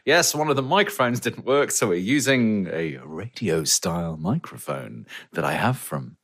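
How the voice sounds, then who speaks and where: A man's voice: fairly low pitch, lively intonation, moderate pace, creaky, fairly bright tone. A man on a comedy panel, explaining at length and giggling mid-sentence. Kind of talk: casual comedy chat.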